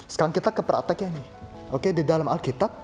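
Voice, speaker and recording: A man's voice: a little high, quick pace, darkish tone, faint music behind. A young man preaching a sermon in an easygoing, chatty way, full of rhetorical questions and slang.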